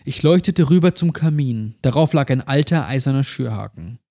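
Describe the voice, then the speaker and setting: A man narrating a first-person horror story in a measured, somber way. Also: mid-range voice, animated, dark tone.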